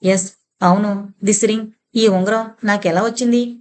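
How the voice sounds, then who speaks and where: A woman's voice: fairly high pitch, steady tone, normal speed, close to an everyday voice. A woman voicing an enraged young army man who believes he is a dead major, roaring and accusing. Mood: confused. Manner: roaring, accusing, shouting in fury.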